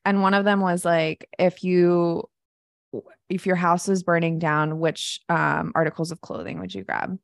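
A woman's voice: fairly low pitch, little pitch movement, measured pace, creaky, no echo, studio quality. A woman co-hosting a casual chat podcast, telling stories with enthusiasm and many fillers. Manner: enthusiastic, warm chatty storytelling with fillers. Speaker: podcast co-host.

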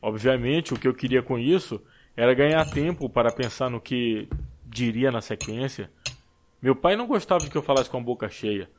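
A man reading a story aloud as an audiobook narrator, in a steady storytelling manner. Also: medium pitch, a little hiss or hum. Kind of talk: scripted narration.

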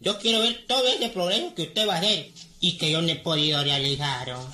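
A man playing a jovial, placating small-town mayor in a comedy sketch, with rustic slang and drawn-out interjections. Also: roomy sound. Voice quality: high, bright voice with rustic slang. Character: folksy male village mayor, jovial and placating. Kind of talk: radio comedy sketch acting.

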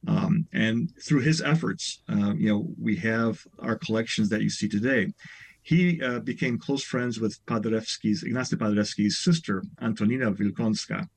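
A man's voice: lowish voice, normal speed, gravelly, slight background noise. A man in his sixties, a radio guest, explaining history at length with frequent "uh" and "you know" fillers. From Chicago area. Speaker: guest, museum president. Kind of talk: radio interview.

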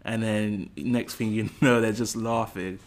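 A young man, a university student, chatting as a podcast guest in a relaxed, agreeable way. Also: fairly low pitch, measured pace. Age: young adult. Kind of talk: casual chat.

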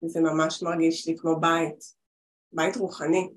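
A woman's voice: sits low, flat delivery. Brief: woman in her forties, guest healer, chatty rambling talk over a video call.

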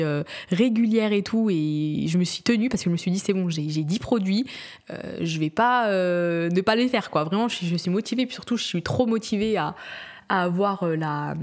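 A woman's voice: mid-range voice, darkish tone. Giggly, chatty young woman vlogger. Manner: chatty, giggly, many fillers and restarts. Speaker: beauty vlogger. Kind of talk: casual skincare vlog.

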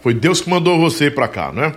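A man's voice: on the high side, big pitch swings, moderate pace. A man hosting a podcast in a chatty, joking way and reading sponsor plugs. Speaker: podcast host. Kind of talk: casual podcast chat.

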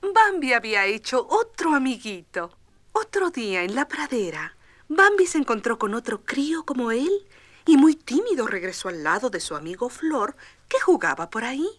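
Expressive woman storyteller, dry studio. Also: fairly high pitch, moderate pace, dry recording. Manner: expressive and tender. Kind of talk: storybook record narration.

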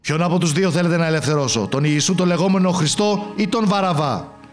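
A man voicing an anxious Roman governor in a storybook, questioning loudly and insistently. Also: mid-range voice, soft background music, voice pushed up, natural voice. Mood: pleading.

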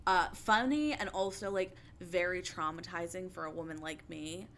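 A young woman chatting casually, telling an animated story full of "like.". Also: lowish voice, moderate pace, a little hiss or hum. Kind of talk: casual chat.

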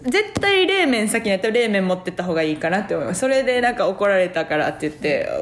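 A woman's voice: medium pitch, very animated, fast. Lady cohosting a comedy podcast, chatty and giggly, roomy echo. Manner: chatty, laughs often, many fillers. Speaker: podcast co-host. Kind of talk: casual comedy podcast chat.

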